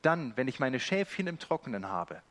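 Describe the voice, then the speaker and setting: A man's voice: mid-range voice, sing-song, moderate pace, a bit bright. A man voicing a young male heir who pleads to claim his property before following. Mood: pleading. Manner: pleading and possessive.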